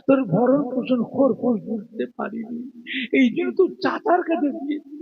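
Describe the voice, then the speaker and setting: A man preaching a sermon, voicing a poor widowed mother who pleads gently with her son. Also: extremely high pitch, expressive, normal speed, vocal fry, breathy edge, phone-quality sound, voice pushed up, full character voice. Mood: worried. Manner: pleading, soft-spoken.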